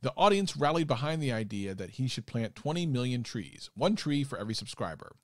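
A man, a guest creator, reading a script aloud in a relaxed, casual manner. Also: mid-range voice, fairly quick, no room sound, studio quality. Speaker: guest youtuber.

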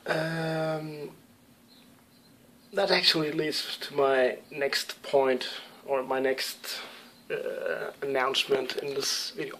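Fairly high in pitch, with slight background noise behind him, a young man from Denmark answers viewer questions on his casual webcam vlog. The YouTube gamer speaks English, not his first language, with a Danish accent, hesitating with many ums and self-corrections from a small room at home.

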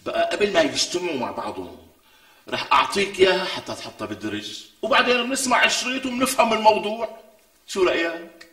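An actor with a Syrian accent playing a meddling neighbor who animatedly lays out a plan to eavesdrop. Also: male voice, high voice, quick pace, far from the mic. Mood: conspiratorial. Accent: Syrian Arabic. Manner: animated, conspiratorial. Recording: roomy, off-mic.

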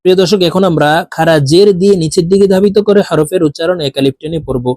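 A man teaching Quran recitation, drawing out each syllable slowly in a spelling drill and explaining rules quickly in between. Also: a little high, dark tone, dry recording. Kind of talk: slow spelling drill lesson.

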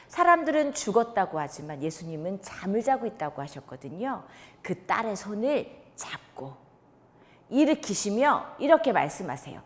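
A woman preacher telling a Bible story to young children in an animated, sing-song way and acting out the characters' lines. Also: mid-range voice, in a large hall. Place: church.

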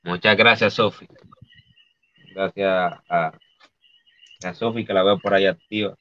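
A man with a Dominican accent, a guest artist speaking haltingly and softly, with many restarts, over dull lo-fi video call audio. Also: sits low, steady tone. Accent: Dominican Spanish. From Dominican Republic. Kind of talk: emotional interview.

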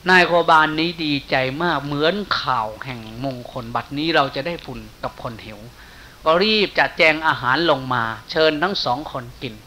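A monk preaching a sermon with an Isan Thai accent, telling a folk story in folksy speech and softening his voice for quoted lines. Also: a little high, moderate pace. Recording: faint hiss.

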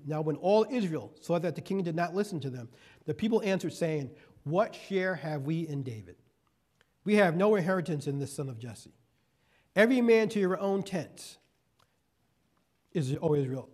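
Reading verses of scripture and then explaining them in folksy asides, a male guest preacher delivers his sermon. His voice is a little high with a darkish tone, and he repeats key phrases to drive them home.

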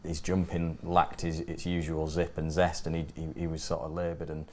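A man analysing horse races as a pundit, in a measured way that weighs things up. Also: a bass voice, monotone, darkish tone, slight background noise. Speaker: racing pundit. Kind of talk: analytical chat.

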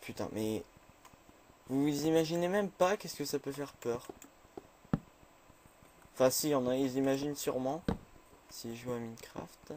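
A man chatting through a game, nervous and quick to say he is scared. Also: medium pitch, background noise. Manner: jumpy, chatty, easily scared. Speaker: gamer. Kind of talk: casual let's play commentary.

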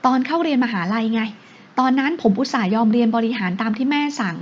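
A woman's voice: a little high, lively intonation. Woman doing a wheedling young husband. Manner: coaxing, drawn-out pleading. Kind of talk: audiobook character voice. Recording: dull lo-fi recording.

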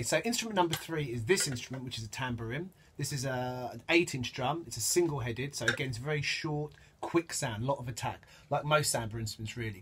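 A man's voice: mid-range voice, noisy background. A man teaching samba percussion, counting beats and singing the rhythms aloud as he demonstrates. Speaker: music teacher. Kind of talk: instrument demonstration lesson. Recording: loud drumming behind the voice.

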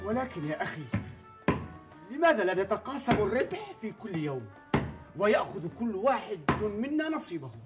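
An actor playing an eager, easily impressed butcher with an earnest, exclaiming manner in a theatrical period TV drama. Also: male voice, sits high, big pitch swings, moderate pace, loud music behind the voice. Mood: questioning, earnest. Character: eager, trusting, easily impressed butcher, junior business partner. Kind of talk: theatrical historical TV acting in formal Arabic.

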